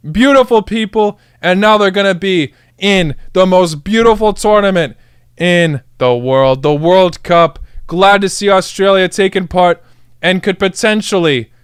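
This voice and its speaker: A man's voice: high-pitched, clean tone, no echo, studio quality. A young man streaming a live football reaction, hyped up, cheering and talking to his chat. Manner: hyped, chants and cheers, addresses chat as guys. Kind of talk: excited live match reaction.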